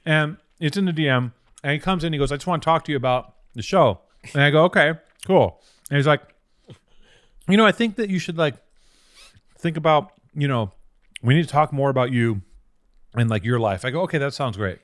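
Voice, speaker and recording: A man's voice: fairly high pitch, brisk, pauses often, a bit bright. A man co-hosting a podcast, telling a rambling, profane story in casual chat. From Venice, California. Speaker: podcast co-host.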